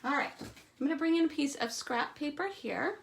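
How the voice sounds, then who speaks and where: Woman, high voice, gravelly fry, crafting demo, step-by-step chatty explaining, soft faint hiss behind. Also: expressive, normal speed. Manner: chatty step-by-step explaining, trailing into quiet asides. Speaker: stamping demonstrator. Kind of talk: live crafting demonstration. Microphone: streaming setup at a craft table.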